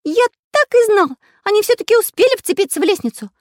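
A woman's voice: lively intonation, fast talker, darkish tone, no room sound, clean studio sound. A woman voicing a boyish, anxious male magic pencil artist in an audiobook, crying out shrilly. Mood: alarmed. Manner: shrill, panicky cries. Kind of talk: audiobook role reading.

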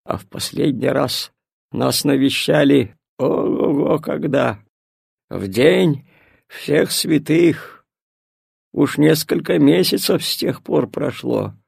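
A man doing a hoarse grumbling old grandpa. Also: mid-range voice, slow, a little mellow, no room sound, clean studio sound, exaggerated voice. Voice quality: hoarse, gravelly. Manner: grumbling, mock-reproachful. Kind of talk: storybook reading.

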